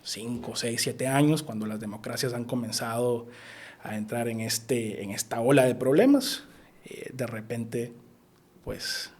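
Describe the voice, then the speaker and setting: A man in his thirties gives interview answers as an academic guest. He speaks at a middle pitch, thinks out loud, and now and then drives a point home with sudden emphasis. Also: a little slow, husky. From El Salvador. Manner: thoughtful, with bursts of emphasis. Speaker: guest political scientist.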